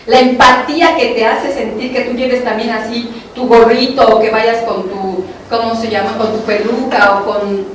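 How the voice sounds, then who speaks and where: Mexican woman, earnest church testimony, emotional, fairly high voice, far from the mic, echoey hall. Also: steady tone, normal speed, few pauses, slight background noise. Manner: earnest, emotional, often addressing the brothers and sisters. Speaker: doctor giving a church testimony. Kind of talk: testimony addressed to a congregation.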